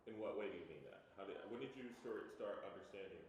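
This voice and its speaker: A man asking oral history interview questions in a halting way, with many ums and restarts. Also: deep voice, darkish tone. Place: indoor room in downtown New York. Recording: very echoey room with faint noise.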